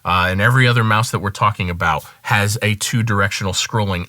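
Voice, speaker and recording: Bright-voiced man doing a gear review. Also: on the low side, no room sound, studio quality. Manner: conversational, weighs pros and cons in a measured way. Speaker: music producer reviewing gear. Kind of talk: casual product review to camera.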